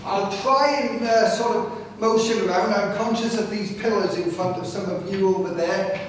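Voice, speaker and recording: With no microphone and only distant room pickup, this local history speaker fills a big, echoey pillared hall, his reverb trailing long. His voice is naturally loud and fairly high, his pace moderate, and he chats directly to the live audience, often asking "right?" during the public history talk. Slight hiss or hum is present.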